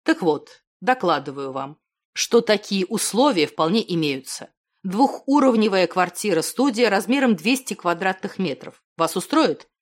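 A woman reading an audiobook, voicing a determined young man who declares his love in a crisp, firm way. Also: mid-range voice, animated, unhurried. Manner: crisp, firm, soldierly delivery. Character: determined young man, a lover proposing firmly.

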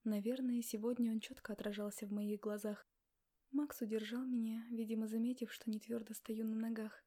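A young woman reads a romance novel aloud in the first person, with an intimate, half-hushed delivery. Her voice sits fairly high but sounds warm and mellow. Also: little pitch movement, brisk. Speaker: audiobook narrator.

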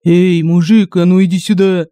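A woman reading an audiobook, voicing a loud, insistent male guardsman. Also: medium pitch, takes it slowly, no room sound, lightly acted. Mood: shouting. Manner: shouting, insistent.

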